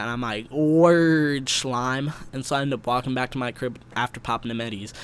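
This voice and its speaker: A man's voice: mid-range voice, slight background noise. Rambling young man telling a story. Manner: rambling slangy storytelling, stumbles on restarts, sudden loud quoted shouts. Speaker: storyteller vlogger. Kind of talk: casual storytelling.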